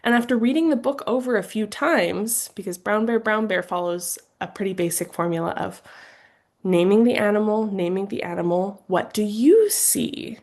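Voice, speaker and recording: Woman educator, picture book read-aloud for toddlers, sing-song, playful pitch leaps, webcam. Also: normal speed. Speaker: early childhood educator. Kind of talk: demonstrating reading aloud to toddlers. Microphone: webcam on a video call.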